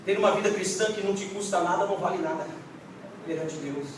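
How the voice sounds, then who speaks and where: A man's voice: sits high, fast talker, background noise. A male pastor preaching a dramatic sermon at a church service. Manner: dramatic, swings from quiet to shouting. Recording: echoey church hall, distant mic.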